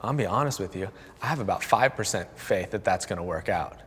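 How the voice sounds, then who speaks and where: A man in his forties who is a pastor talks openly on a discussion panel and makes fun of himself as he tells stories. His voice sits somewhat low. The sound has a long reverb from a large room. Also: expressive, fairly quick, a bit bright, husky. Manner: candid, self-deprecating storyteller.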